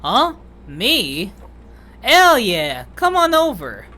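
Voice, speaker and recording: Woman playing a loud, eager young man. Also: medium pitch, sing-song, slow pace, heavily acted. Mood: excited. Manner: loud, enthusiastic.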